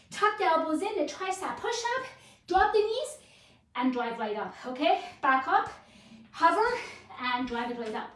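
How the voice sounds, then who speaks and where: High-voiced woman coaching a workout. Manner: encouraging coach, urging with short commands and counts. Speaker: fitness instructor. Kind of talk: live workout class instruction. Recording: roomy echo, distant microphone.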